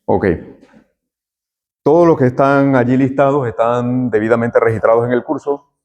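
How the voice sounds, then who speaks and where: A man's voice: mid-range voice, steady tone, moderate pace, a little mellow, dull audio. Friendly man taking class roll. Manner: friendly, chatty, jokes with students. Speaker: university lecturer. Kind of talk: classroom roll call and lecture.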